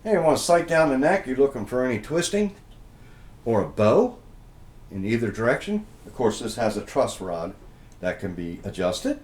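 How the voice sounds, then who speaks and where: A guitar reviewer talks through a guitar inspection in a casual, plainspoken, folksy way, explaining each check step by step. His mid-range voice is very animated and a little mellow, at a normal speed. It's a casual hands-on product walkthrough.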